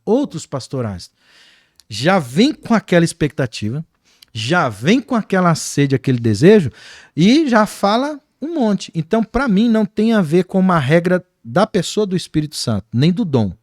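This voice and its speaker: A man with a Brazilian accent, a guest pastor talking in an animated, preaching-like way on a podcast. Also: high-pitched, moderate pace, dry recording, clean studio sound. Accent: Brazilian Portuguese. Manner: animated, acts out quoted voices.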